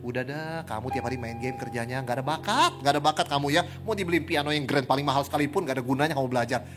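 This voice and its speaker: A man's voice: medium pitch, racing, over music, natural voice. A man voicing a harsh parent who bluntly belittles a child's wish. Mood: belittling.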